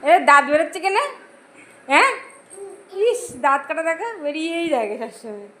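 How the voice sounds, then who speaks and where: A woman's voice: high-pitched, lively intonation, normal speed, pushed and bright. A woman vlogging at home, teasing and coaxing in a sing-song baby-talk manner with playful exclamations. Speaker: family channel vlogger. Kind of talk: playful home video chatter.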